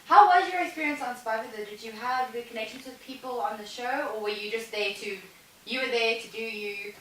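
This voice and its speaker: A woman's voice: fairly high pitch, fairly quick, a bit bright. A South African woman asking questions in a casual interview. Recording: very echoey room, distant mic, faint hiss.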